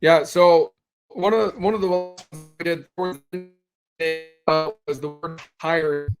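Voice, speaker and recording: A man's voice: on the high side, steady tone, a little slow, faint music behind, rough recording. A man co-hosting a casual business podcast over a video call, his voice coming through robotic and warbling. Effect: robotic, warbling video-call audio. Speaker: podcast co-host. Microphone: remote video call.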